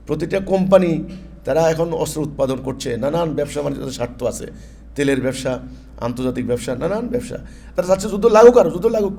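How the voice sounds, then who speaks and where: A man's voice: fairly high pitch, dark tone, a little hiss or hum. A man from Bangladesh giving an emphatic sermon-style religious talk, repeating key phrases and mixing in English words. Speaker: Islamic preacher.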